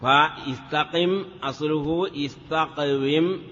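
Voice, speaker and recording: A man's voice: fairly high pitch, takes it slowly, fairly bright tone. A male teacher giving a grammar lesson, chanting word forms in a sing-song drill and often saying "yes" between steps. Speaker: teacher of Arabic morphology. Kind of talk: classroom lecture. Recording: dull lo-fi recording with long reverb.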